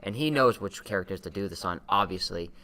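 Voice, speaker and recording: A young man leads a relaxed podcast conversation. His voice is bright and forward. He talks in animated bursts and keeps the chat moving. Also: low-pitched. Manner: animated, talks fast in bursts about fighting games. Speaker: podcast host. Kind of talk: casual chat.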